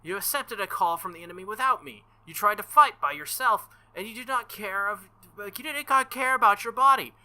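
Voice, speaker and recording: A man's voice: sits high, fairly quick, few pauses, pushed and bright, voice pushed up, low-quality recording. Man voicing Saber, a stern, earnest young woman knight. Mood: stern, scolding. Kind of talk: visual novel dialogue read aloud.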